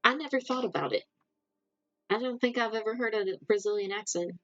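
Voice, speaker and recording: This woman from the Southern United States, a livestream host with a mild Southern accent, talks a little high and a little fast as she rambles and laughs with her live audience in casual chat. The audio is dull with no room sound, and faint music sits in the background.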